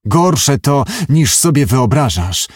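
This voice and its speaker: A man's voice: medium pitch, very animated, slow pace, husky, dry recording, studio quality, full character voice. A man reading an audiobook, voicing a gloomy, shaken businessman who talks in anxious, confiding tones. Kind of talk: audiobook character voice.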